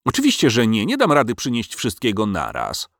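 A man's voice: mid-range voice, huge pitch swings, brisk, fairly bright tone, no room sound, full character voice. A man reading a storybook and voicing a sly, complaining old male dragon who whines and pleads. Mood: flustered.

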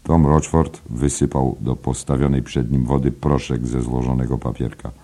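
Very deep, gravelly male narrator. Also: fairly even intonation, normal speed, dark tone. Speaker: audiobook narrator. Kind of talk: scripted literary narration.

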